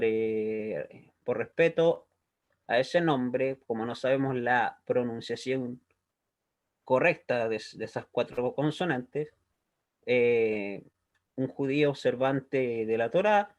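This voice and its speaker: A man teaching a recorded language lesson, explaining step by step and checking in with a frequent "¿ya?". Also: mid-range voice. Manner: patient, checks understanding with a frequent "¿ya?". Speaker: Hebrew teacher.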